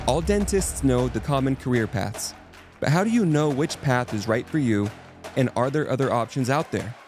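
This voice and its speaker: A man's voice: medium pitch, expressive, normal speed, over music. A male podcast co-host asking questions and giving brief, encouraging affirmations. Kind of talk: interview host.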